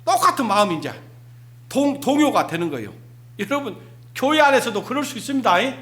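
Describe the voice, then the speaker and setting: A pastor preaching an emphatic Sunday sermon, firing rhetorical questions at the congregation. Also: male voice, very high-pitched, very animated, fairly quick, fairly bright tone.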